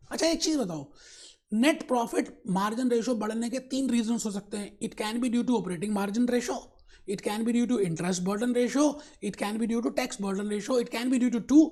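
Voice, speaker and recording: A man lecturing on finance in a fairly high voice. He coaxes his students affectionately and keeps them on task. He drops in English terms and slows down for definitions. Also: mellow. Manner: coaxing, calls students "son", mixes in English terms. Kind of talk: classroom lecture.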